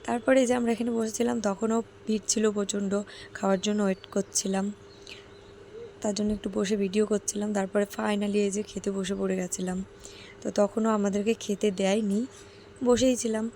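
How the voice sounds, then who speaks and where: A hoarse woman chatting through a vlog voice-over, talking straight to her viewers. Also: medium pitch, little pitch movement, a little fast, dark tone, slight background noise. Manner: chatty, addresses viewers directly. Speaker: vlogger. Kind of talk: casual vlog voice-over narration.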